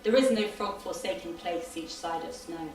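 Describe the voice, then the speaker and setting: A woman's voice: lowish voice, normal speed, a little mellow. A woman reciting a poem at a live literary event, with a rhythmic, lilting delivery. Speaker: poet. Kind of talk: poetry reading. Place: hall at a live reading. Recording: echoey hall from far off, faint noise.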